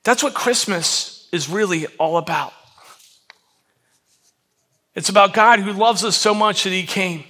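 A middle-aged pastor preaching a Christmas sermon in a high, bright voice. He tells the story earnestly and often drops to a softer, quieter tone for emotional moments. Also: unhurried, pauses often.

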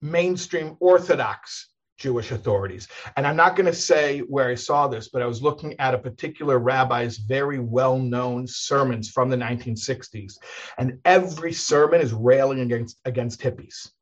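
A man, a rabbi, telling stories in a casual, animated conversation, often chuckling and restarting his sentences. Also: medium pitch, moderate pace, muffled recording.

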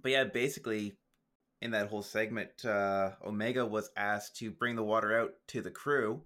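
A man's voice: on the low side, fairly even intonation, moderate pace, a bit bright. A man co-hosting a podcast, chatting casually with easygoing dry asides and frequent laughs. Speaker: podcast co-host. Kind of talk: casual chat recapping a show.

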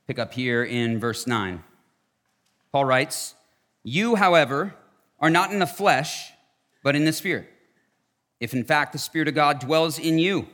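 A man in his thirties preaching a sermon at a pulpit microphone, earnest and dropping to hushed tones for emphasis. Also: fairly high pitch, animated, measured pace, long pauses. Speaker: pastor.

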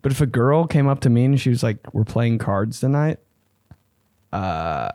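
A man's voice: medium pitch, very animated, moderate pace, mellow, dry recording, clean studio sound. A man chatting casually and comically as a host giving advice, talking like a slangy, profane, blunt frat bro. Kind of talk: casual comedic chat.

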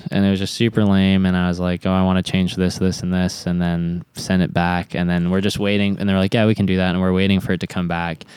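A man's voice: sits low, darkish tone, smooth, dry recording. A man guesting on a podcast, telling casual, profane, rambling stories and quoting the people in them. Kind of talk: casual storytelling.

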